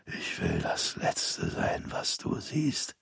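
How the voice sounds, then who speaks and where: A man voicing a gaunt, dying old grandfather in a slow, breathy, almost voiceless whisper for an audiobook. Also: no room sound, clean studio sound. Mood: menacing whisper. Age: older. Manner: slow, drawn-out, menacing hush. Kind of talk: audiobook character voice.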